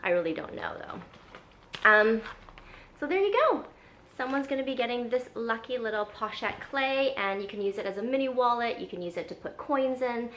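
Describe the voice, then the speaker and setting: Chatty bright-voiced woman vlogger. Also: a little high, moderate pace. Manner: chatty, enthusiastic, frequent ums. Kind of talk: casual unboxing chat.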